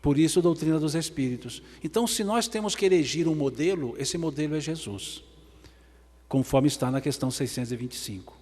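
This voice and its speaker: A man with a Brazilian Portuguese accent giving a religious lecture, swinging between emphatic loud passages and hushed ones. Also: on the high side, brisk. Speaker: spiritist lecturer. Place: large event hall. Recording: long hall reverb.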